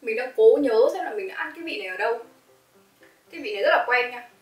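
A woman's voice: a little high, animated, fast talker. Young woman, food vlogger, talks with her mouth full, mic off at a distance. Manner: chatty, chewing while talking. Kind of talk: casual food review. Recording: roomy, distant mic, soft music. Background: faint background music.

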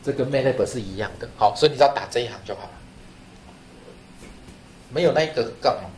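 A man's voice: medium pitch, fast talker, darkish tone, a little hiss or hum. Male lecturer, chatty and repetitive, roomy classroom sound. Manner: chatty, repeats himself, asks "right?". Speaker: statistics lecturer. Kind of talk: classroom screen-share lesson.

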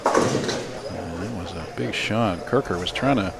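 A man with a low, gravelly voice takes his time as he does live play-by-play at a bowling center. Between shots he chats, and the live broadcast picks up the crowd and the bowling noise in the background.

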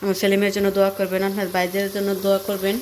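A Bangladeshi woman vlogging casually as she cooks at home, explaining each step in a chatty way, her voice hoarse from a cold. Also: medium pitch, completely flat delivery, rapid-fire, a little hiss or hum. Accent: Bangladeshi Bengali. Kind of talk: casual cooking vlog. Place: home kitchen.

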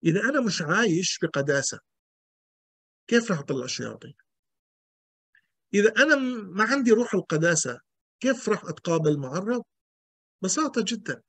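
A man's voice: high voice, big pitch swings, fast talker, pauses often, a bit bright, breathy edge, dry recording. A male pastor, teaching an emphatic sermon full of rhetorical questions and repetition.

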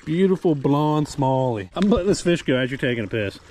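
A man hosts a fishing vlog outdoors at a wooded creek, chatting casually and excitably in slang and saying "dude" and "man" often. His voice is fairly high and brisk. He records on an action camera he wears or holds, and there's background noise outdoors.

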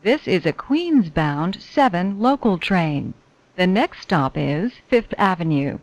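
A woman reading scripted train announcements in a measured, formulaic way. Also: on the low side, sing-song, darkish tone. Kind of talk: scripted subway station announcements.

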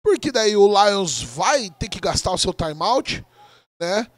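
High-voiced Brazilian male sports commentator. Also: sing-song, takes it slowly, no room sound, studio quality. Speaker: American football commentator. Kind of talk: live sports commentary, informal and chatty.

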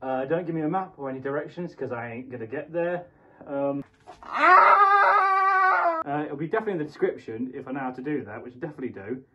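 A man's voice: medium pitch, lively intonation, very fast, slight background noise. A man rambling hesitantly with many fillers in a comedy skit and fursuit showcase, recorded on lo-fi audio. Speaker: fursuit video creator. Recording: lo-fi muffled recording.

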